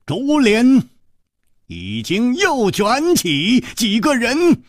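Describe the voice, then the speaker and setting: Slow husky male storyteller. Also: very high-pitched, no echo, clean studio sound. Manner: expressive, rising narration between dialogue. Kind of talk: traditional storytelling narration.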